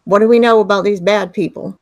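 A woman's voice: medium pitch, fairly even intonation, fairly quick, a little mellow, no echo, lo-fi sound. A woman with an Appalachian accent, role-playing casually in a tabletop game with folksy, plain-spoken hillbilly talk. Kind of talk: in-character role-play, casual.

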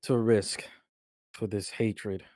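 A man's voice: on the low side, flat delivery, takes it slowly, darkish tone, no room sound, clean studio sound. A man co-hosting a casual comedy chat, laid-back and full of slang. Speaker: co-host.

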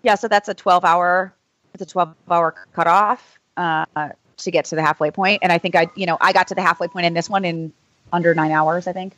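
A woman's voice: fairly low pitch, steady tone, a little fast, a bit bright, dry recording. A woman guest on a podcast, chatting casually about running and laughing often, with many "like" fillers. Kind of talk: casual chat.

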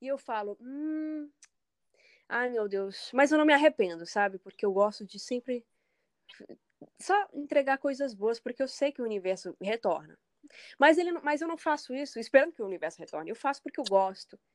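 A woman's voice: fairly high pitch, animated, fast talker, no room sound. A woman from Brazil, a singer, speaking candidly and emphatically in a casual interview, acting out the comments of others.

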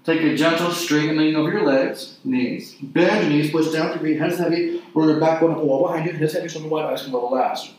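A man leading an exercise class, giving short, clipped cues and counting repetitions in a measured rhythm. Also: a little high, steady tone, darkish tone, slight background noise. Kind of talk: guided mat exercise instruction with counted repetitions. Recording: very echoey room, distant mic.

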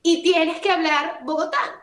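A woman's voice: very high voice, normal speed. A woman in her thirties from Venezuela, telling stories in a casual interview and acting out the quotes. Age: 30s. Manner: animated storytelling, acts out quotes. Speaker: guest, actress and voice-over artist. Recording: roomy echo.

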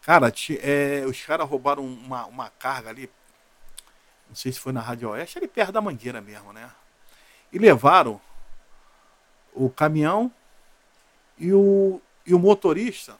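A man's voice: fairly high pitch, normal speed, long pauses. A middle-aged man, a police officer guest telling a story and acting out the dialogue. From Rio de Janeiro, Brazil. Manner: lively, quotes both sides of conversations.

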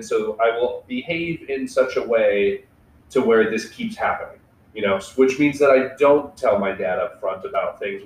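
A man's voice: fairly low pitch, far from the mic, slight background noise. A young man hosting a casual podcast, talking candidly and reflectively, swearing freely and leaning on filler words. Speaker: podcast host. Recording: echoey room, away from mic.

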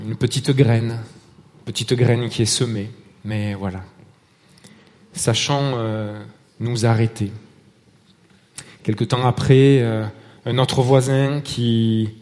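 A man preaching a sermon in a relaxed, conversational way. He tells stories, hesitates and restarts, and speaks French with a foreign accent. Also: mid-range voice, in a large hall.

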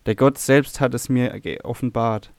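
A man's voice: mid-range voice, steady tone, unhurried, gravelly, no room sound. A man voicing a cheerful, eager older nobleman. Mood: joyful.

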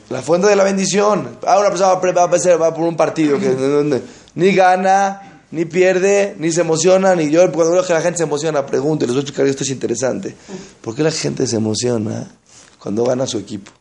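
A man giving an informal religious talk as a rabbi, conversational and full of rhetorical questions, acting out quoted people in quick asides. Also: a little high, vocal fry, a little mellow. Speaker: rabbi giving a Torah class.

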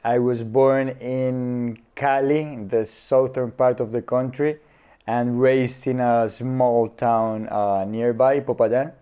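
Guest, male, 30s, from Colombia; slow, halting, mellow, smooth voice on a dull recording. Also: medium pitch, level tone. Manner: hesitant, many fillers. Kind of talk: casual interview.

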